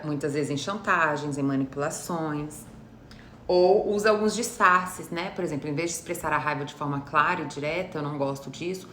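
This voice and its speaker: A woman's voice: low-pitched, fairly bright tone. A woman psychologist with a Brazilian Portuguese accent gives a live explanatory talk, teacherly and often checking that her listeners follow. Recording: roomy echo with faint noise.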